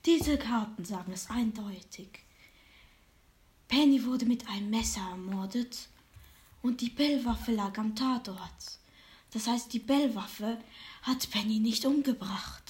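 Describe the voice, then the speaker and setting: A woman voicing a mysterious fortune teller who speaks in slow, hushed whispers. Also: fairly high pitch, lightly acted. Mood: secretive.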